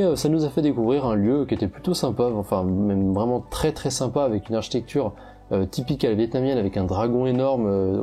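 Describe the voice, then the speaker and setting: A man's voice: medium pitch, mellow. A young French man with a French accent, casually telling travel stories with lots of fillers and restarts. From France. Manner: chatty, many fillers and restarts. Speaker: travel photographer vlogger.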